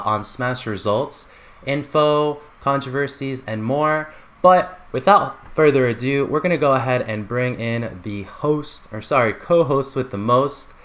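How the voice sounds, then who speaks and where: A man with a medium-pitched, slightly bright voice hosts an esports results show. His delivery is casual, enthusiastic and informal as he recaps matches and chats with a co-host.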